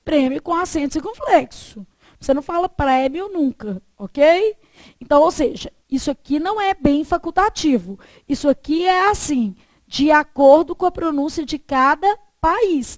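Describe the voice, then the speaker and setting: High-pitched woman teaching grammar. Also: no echo. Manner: poses fill-in questions for students to answer, dictates slowly. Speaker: Portuguese teacher. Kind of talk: classroom grammar lesson.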